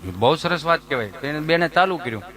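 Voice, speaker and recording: A man's voice: fairly high pitch, lively intonation, quick pace, fairly bright tone. A man, a stand-up comedian telling chatty stories on stage who keeps checking in with the crowd.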